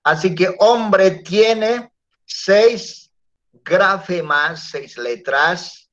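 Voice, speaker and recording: Man, teacher, unhurried, frequent tag questions, lo-fi sound. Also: high-pitched, fairly bright tone. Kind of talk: classroom lecture. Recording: dull lo-fi classroom recording.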